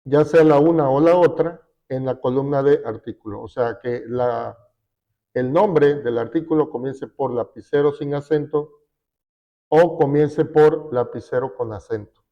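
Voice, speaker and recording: Slow-talking man teaching a class, lo-fi. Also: mid-range voice. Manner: slow, explaining step by step with fillers. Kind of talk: classroom software lesson. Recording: dull lo-fi recording.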